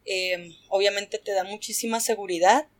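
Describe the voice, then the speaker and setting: A young adult woman with a Mexican accent, telling stories as a guest in a casual chat, animated and slangy, laughing often. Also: mid-range voice, moderate pace.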